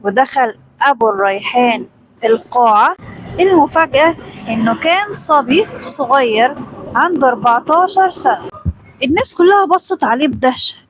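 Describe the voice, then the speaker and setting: A woman with an Egyptian Arabic accent narrating a summarized children's story in a lively, brisk way. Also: sits high, background noise. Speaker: storyteller, parenting channel host.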